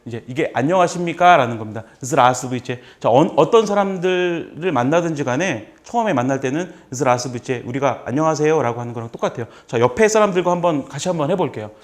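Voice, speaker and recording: A lecturer teaching basic Russian runs a live class in a seminar room, speaking fairly quickly with few pauses in a fairly high voice with lively intonation. He keeps things chatty and jokey, repeating phrases for the students to echo.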